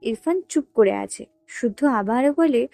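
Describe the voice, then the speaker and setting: A woman's voice: fairly high pitch, animated, unhurried, dark tone, no room sound. A woman narrating a romance novel aloud and voicing the dialogue herself. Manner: reads all characters' dialogue with only slight voice changes. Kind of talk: storytelling reading of a romance novel. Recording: dry close voice with faint background music.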